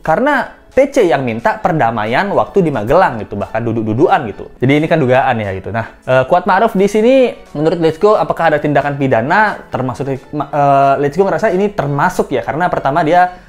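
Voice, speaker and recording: A woman's voice: low voice, animated, brisk, darkish tone, soft background music. A woman hosting casual news commentary, chatty and speculative, acting out quotes and laughing at her own jokes. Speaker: host of a commentary channel.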